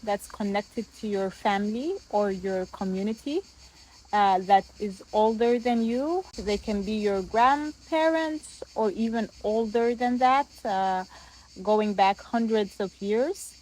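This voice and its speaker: A woman from Sudan, a guest, explaining family wisdom gently and thoughtfully with small pauses. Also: medium pitch, a little hiss or hum, poor audio. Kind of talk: casual explanation.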